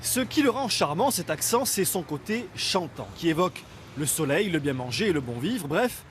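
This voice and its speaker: A man reporting the news with a high, very lively voice. His delivery is playful and bright, and his pitch jumps around a lot. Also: normal speed, slight background noise.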